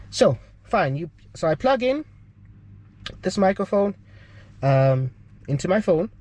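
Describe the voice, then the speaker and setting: This aviation channel host's voice runs on the high side with a darkish tone. He speaks with a South African accent and walks through equipment in a relaxed tutorial, explaining hesitantly and frequently pausing to check in.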